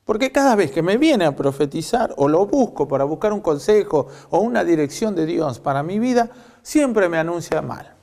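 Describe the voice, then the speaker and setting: Preacher doing a cranky argentine king, whiny and a bit raspy. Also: high-pitched, big pitch swings, moderate pace, few pauses, dark tone, pitched above the performer's own voice, exaggerated voice. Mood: irritated. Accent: Argentine Spanish. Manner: peevish and complaining. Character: proud, irritable male ancient king.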